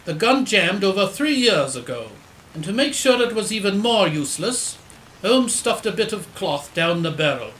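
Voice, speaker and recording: A man plays a loyal, earnest doctor in an audio drama. The voice is high and bright, explaining things in measured phrases in a roomy space. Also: slight background noise. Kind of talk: audio drama acting, storytelling.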